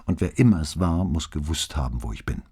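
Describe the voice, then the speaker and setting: A man's voice: a bass voice, expressive, a little fast, warm tone, breathy edge, heavily acted. Man voicing a weary, subdued commissioner. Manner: subdued, downplaying. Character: weary, shaken middle-aged police commissioner. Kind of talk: audiobook dialogue.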